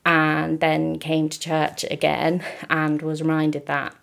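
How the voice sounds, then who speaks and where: A woman's voice: sits low, completely flat delivery, takes it slowly, vocal fry, a bit bright. A young woman from just outside London, chatting casually with lots of fillers and laughter as she shares her testimony. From just outside London, England. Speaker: interview guest.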